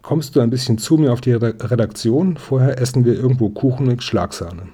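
A good-humoured newspaper journalist, warm toward the boy, read by a man. The voice is mellow and husky, slightly raised. It is a storybook audiobook. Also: medium pitch, fairly quick, pitched above the performer's own voice, lightly acted. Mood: jovial.

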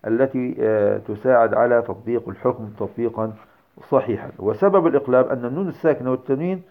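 A man gives a lecture, pausing often on hesitation sounds before slowing down to recite his examples with care. His voice sits at a middle pitch. The recording is thin and narrow, like a phone line. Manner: explains step by step with many hesitations, demonstrates recitation slowly. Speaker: teacher.

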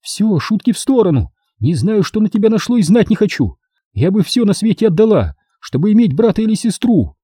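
A man voicing a young woman official who bursts out in shrill indignation, tearful and furious, in an audiobook. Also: sing-song, a little fast, mellow, breathy edge, no room sound, clean studio sound, exaggerated voice.

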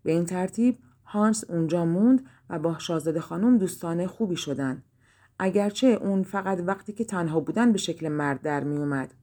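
A woman narrating a fairy-tale audiobook in a calm storytelling manner. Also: lowish voice.

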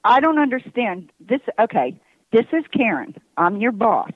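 A woman's voice: fairly high pitch, big pitch swings, moderate pace, husky, dry recording. Curt woman on a choppy phone line. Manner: curt, demanding, talks past the other person. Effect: choppy phone line that keeps cutting out. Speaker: hotel manager calling an employee. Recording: tinny, dry phone line.

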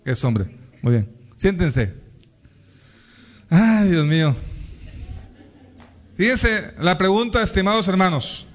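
Male preacher, high-pitched, teasing and chatty with the congregation, dull lo-fi recording. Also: a bit bright. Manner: teasing, playful, asks the congregation questions. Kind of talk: lively sermon with audience questions.

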